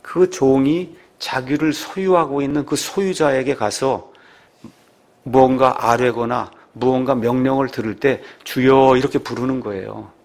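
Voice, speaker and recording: A man's voice: mid-range voice, steady tone, a little slow, a little mellow. A middle-aged man preaching a sermon, explaining patiently and rising to emphatic exclamations. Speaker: pastor.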